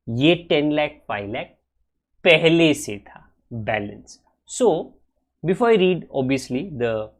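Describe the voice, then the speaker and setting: A man with an Indian accent teaching accountancy in a recorded lecture, switching between Hindi and English and dropping in frequent "okay"s. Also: medium pitch. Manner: mixes Hindi and English, slow drawn-out English phrases, frequent "okay" fillers.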